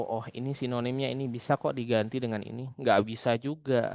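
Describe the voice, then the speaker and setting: Young male exam tutor, chatty and explanatory, smooth clear tone, dry close sound. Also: medium pitch, no echo. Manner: chatty and explanatory, often tagging lines with "gitu" and "ya". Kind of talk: casual online exam-prep lesson.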